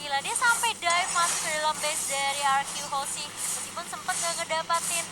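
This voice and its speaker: A woman's voice: high voice, brisk, poor audio. A woman giving esports match commentary and analysis as a caster. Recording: loud music and game sound behind.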